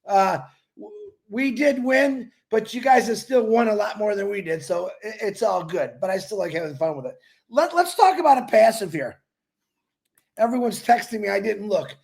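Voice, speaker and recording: A man with a very high voice hosts a casual motivational livestream. He rambles from point to point in an animated way and laughs often, speaking to his viewers as if they were friends on a live call. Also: moderate pace, vocal fry. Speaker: livestream host.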